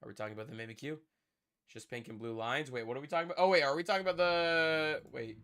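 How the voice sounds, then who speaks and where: A young streamer with a cold-clogged voice talks fast, chatting loosely with his viewers and repeating himself as he goes. His pitch is medium and the tone a bit bright.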